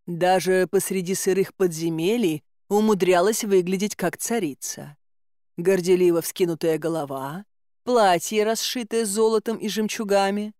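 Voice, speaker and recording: A woman narrating a first-person audiobook in a lively, ironic way. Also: medium pitch, no room sound, clean studio sound.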